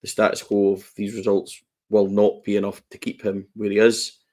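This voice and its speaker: A Scottish man with a somewhat low voice chats casually about football. He is coughing through a lingering cold. He talks in a loose, rambling way with self-deprecating asides. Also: completely flat delivery, normal speed, dark tone. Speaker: podcast co-host.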